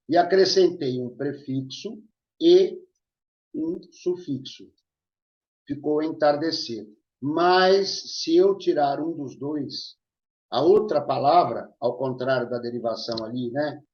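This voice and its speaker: Man teaching grammar, echoey. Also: a little high. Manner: explanatory, checks in with listeners often. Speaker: Portuguese teacher. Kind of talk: online grammar lesson. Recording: echoey room, dull lo-fi sound.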